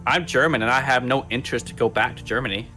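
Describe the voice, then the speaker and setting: A man's voice: mid-range voice, steady tone, quick pace, loud music behind the voice. A man in a casual group chat who laughs often and reacts playfully.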